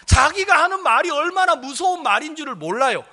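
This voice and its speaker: A pastor from Jeolla preaching to a congregation, telling stories with animated acted-out dialogue and asking the listeners questions. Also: male voice, extremely high pitch, brisk. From Jeolla, South Korea. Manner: animated storytelling, acting out quoted speech, questioning the congregation. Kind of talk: sermon.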